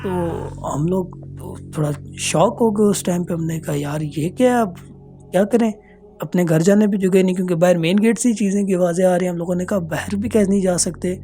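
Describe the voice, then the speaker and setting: A man telling a true ghost story as a casual voice note, earnest and hesitant, pausing often. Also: high-pitched, steady tone, warm tone, soft background music. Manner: earnest, unhurried, hesitant with many pauses. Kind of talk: casual spoken recounting of a true horror experience. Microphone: phone voice note.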